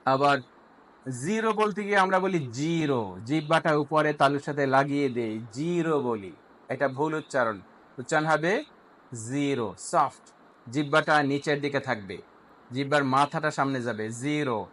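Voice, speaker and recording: A man teaching English pronunciation, slowly drilling each letter sound several times over. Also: fairly high pitch, a bit bright, rough recording. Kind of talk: instructional lesson, drilling sounds.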